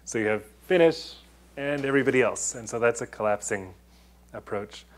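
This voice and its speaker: A man's voice: medium pitch, normal speed. A man giving an academic presentation, explaining step by step with many restarts and fillers. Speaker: presenter on data confidentiality. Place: lecture room.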